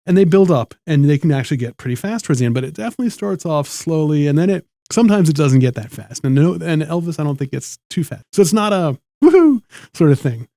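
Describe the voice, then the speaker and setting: A man guest in a casual interview, telling animated anecdotes with lots of restarts and little acted-out quotes. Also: fairly high pitch, fast talker, gravelly, few pauses, no room sound, clean studio sound. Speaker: guest, noh theatre performer.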